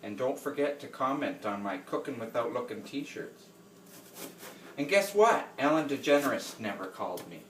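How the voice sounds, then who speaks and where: A man's voice: medium pitch, animated, normal speed, distant mic. A man talks casually while he cooks, rambling and joking at his own expense. He is recorded in a home kitchen on a camera mic across the room. The sound echoes, and noise runs steadily behind his voice. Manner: rambling, self-deprecating, laughs often. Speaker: home cooking vlogger. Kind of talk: casual chatty cooking vlog.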